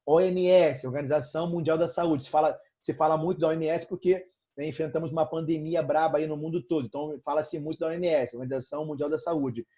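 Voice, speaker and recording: With a Brazilian Portuguese accent, a man leads a live online grammar review at a quick pace, his voice a little high and the sound lo-fi. He is energetic and keeps checking in with his students.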